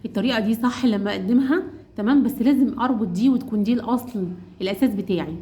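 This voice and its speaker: A woman's voice: fairly high pitch, rapid-fire, mellow. A woman with an Egyptian Arabic accent teaching English phonics to mothers, asking and answering her own questions and drawing out vowel sounds. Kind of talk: explaining a phonics lesson to mothers.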